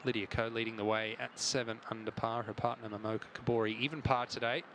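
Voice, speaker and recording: A man's voice: medium pitch, steady tone, fast, fairly bright tone, slight background noise. A man giving live television golf commentary as a commentator.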